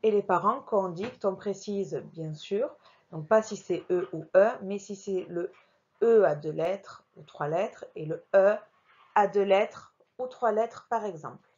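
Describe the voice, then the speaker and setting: A woman teacher giving a slow, careful reading lesson to young children, spelling out each sound while working on screen. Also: mid-range voice, a little mellow, husky, highs cut off. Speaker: primary school teacher.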